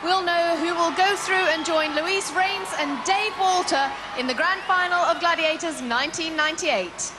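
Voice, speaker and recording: A woman hosting a game show in a large indoor arena, brisk and upbeat, calling out over the crowd. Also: extremely high pitch. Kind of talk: lively TV presenting in an arena. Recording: loud arena crowd noise.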